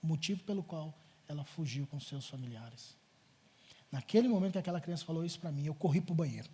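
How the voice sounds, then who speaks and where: A middle-aged pastor preaches in church, his voice sitting high for a man with a husky, breathy edge. He tells a personal story with lively swings between loud, urgent passages and soft, hushed ones. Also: fast. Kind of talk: sermon.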